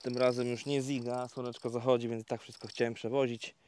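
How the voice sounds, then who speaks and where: A man talking casually to viewers in a fishing vlog, explaining each step in a relaxed, chatty way with many fillers, recorded outdoors by a lake. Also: mid-range voice, a little fast, a little hiss or hum. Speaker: carp fishing vlogger.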